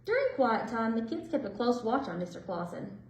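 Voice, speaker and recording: A librarian with a high voice reads a picture book aloud for children, very animated, her delivery swinging expressively up and down with deliberate phrasing. The indoor room gives a clear, roomy echo.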